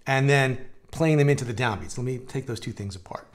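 A man in his forties streams a guitar lesson live from his home music room, where guitars cover the walls. Relaxed and conversational, he explains with hand gestures and demonstrations, his medium-pitched voice slightly fast and a touch gravelly because his throat is dry.

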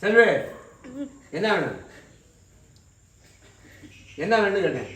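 A man's voice: sits high, big pitch swings, takes it slowly, a bit bright. A man leading an exorcism ritual, a priest who commands and repeats his questions insistently. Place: shrine. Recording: echoey room, distant mic.

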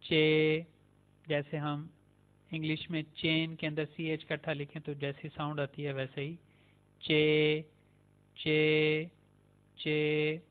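A man teaching a beginner language lesson, saying each letter slowly and repeating it several times. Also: on the high side, completely flat delivery. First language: Urdu. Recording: tinny phone-like sound.

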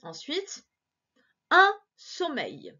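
Female teacher, playful and encouraging with a child; animated, slightly high voice, muffled lo-fi recording. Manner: encouraging, playful, slow syllable-by-syllable reading. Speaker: primary school teacher. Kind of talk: remote reading lesson for a child.

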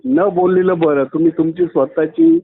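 A man's voice: high voice, sing-song, normal speed, no room sound. A man from Maharashtra calling in to complain, persistent but polite, heard over a phone line. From Maharashtra, India. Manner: persistent, polite but critical, addresses him as sir. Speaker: caller.

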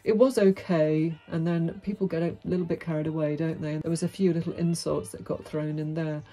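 A middle-aged woman vlogger speaks her mind to camera, frank, wry and outspoken, in a small dim room with a brick wall. Her voice is deep and dark-toned, steady and a little fast.

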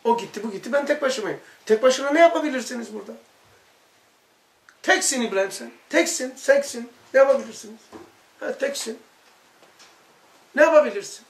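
A man's voice: very high-pitched, animated, brisk, vocal fry, pauses often. A man giving an informal religious lesson to a study circle, talking conversationally with rhetorical questions and repeated lists. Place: study hall. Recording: echoey room.

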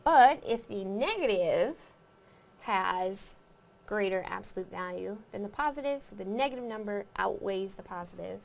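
A woman's voice: mid-range voice, lively intonation, moderate pace, gravelly. A woman teaching a recorded math lesson, explaining step by step, counting aloud and asking the class questions.

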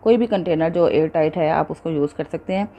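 Lady doing a cooking tutorial, lowish mellow voice, patient step by step, bit of background hiss. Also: a little fast. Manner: patient, explains each step, checks in with viewers. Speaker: cooking show host.

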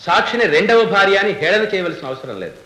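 An actor playing an indignant, formal prosecutor raising objections in an old courtroom film. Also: male voice, sits high, animated, fast, sharp tone. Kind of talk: 1970s Telugu film acting. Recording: distant echoey old film soundtrack.

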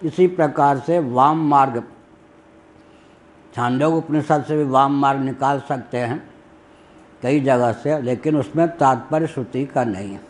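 A man giving a slow, unhurried religious discourse on scripture, chanting Sanskrit lines and chuckling at his own stories. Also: mid-range voice.

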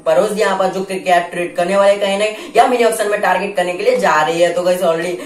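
A young man running a casual cricket update vlog, talking straight to camera in an excitable way with folded hands, recorded indoors by a camera at medium distance. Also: high voice, fast. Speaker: cricket YouTuber. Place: indoor room with a plain backdrop. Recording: echoey room, voice off-mic.

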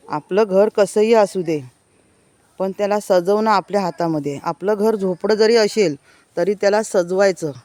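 An eager woman from Konkan, India, leads a walking tour through a village, moving outdoors between houses as birds chirp. Her fairly low, mellow voice is recorded dry, and she enthusiastically keeps urging viewers to look.

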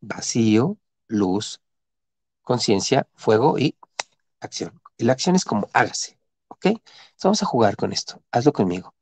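A middle-aged man guiding a body-movement and mantra session, giving calm repeated cues and chanting vowels for listeners to follow. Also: mid-range voice, unhurried, pauses often, husky, dry recording. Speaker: meditation and breathwork guide.

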